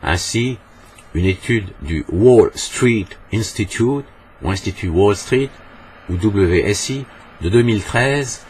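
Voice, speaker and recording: A man with a very deep voice delivers a scripted video lesson as a language trainer. He speaks in a measured way and often pauses on rhetorical questions. A faint hum of room ambience sits behind him. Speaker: English trainer.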